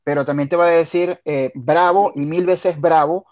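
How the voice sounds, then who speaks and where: A talkative man from Venezuela hosts a relaxed interview, his voice sitting a little high for a man. He often circles back and repeats words before finishing a thought. The sound is somewhat muffled and lo-fi. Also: normal speed. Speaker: podcast host. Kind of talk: casual interview.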